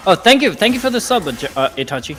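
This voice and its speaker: A man from Nepal, chatting casually on a live game stream, laughing easily and reacting out loud to play. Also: high-pitched, very animated, fast talker, faint music behind. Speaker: gaming streamer. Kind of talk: casual live-stream chat while gaming.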